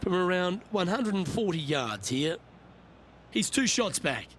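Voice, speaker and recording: A man's voice: sits high, sing-song, unhurried, fairly bright tone, a little hiss or hum, full character voice. A man playing a golf broadcast lead commentator in a video game, reacting to shots in short phrases. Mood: engaged.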